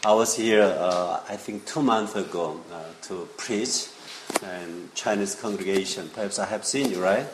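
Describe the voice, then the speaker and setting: In an echoey church room with faint background noise, an older man from South Korea delivers a casual sermon to young people. His voice sits low, and his English, not his first language after Korean, comes out halting. This visiting preacher and seminary teacher, in his 50s or older, keeps checking in with listeners.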